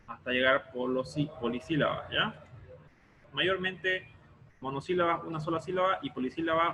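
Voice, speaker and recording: A male teacher explains a lesson step by step in an online class, frequently pausing to make sure students are following. His voice is medium-pitched, the highs are cut off, and there's noise in the background.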